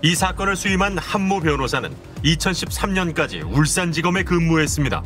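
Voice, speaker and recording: A man narrating an investigative documentary in a measured, serious tone. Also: a little high, animated, a bit bright. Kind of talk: scripted narration. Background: music.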